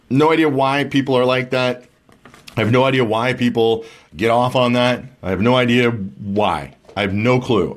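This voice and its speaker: Chatty man hosting a casual live show. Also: medium pitch. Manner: chatty, rambling, jokey. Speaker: podcast and Facebook Live host. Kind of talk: casual chat.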